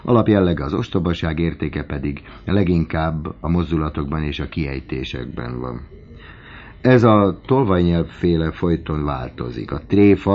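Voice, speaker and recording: A man calmly reading a novel aloud as an audiobook narrator, on a dull lo-fi recording. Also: deep voice. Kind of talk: scripted narration.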